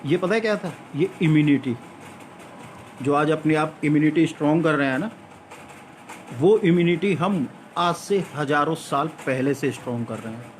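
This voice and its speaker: Guy lecturing his viewers, slightly high voice, keeps asking rhetorical questions, faint birds in the background. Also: normal speed, slight background noise. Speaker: vlogger addressing viewers. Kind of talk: argumentative spoken monologue.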